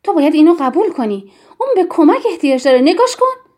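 A woman voicing a stern, rigid middle-aged man who is quick to anger and scolds insistently in a raised voice. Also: on the high side, expressive, a little mellow.

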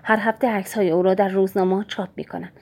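Breathy, hushed woman narrator. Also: medium pitch, steady tone. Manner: hushed, half-whispered, scheming. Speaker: audiobook narrator. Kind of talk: dramatic first-person novel reading.

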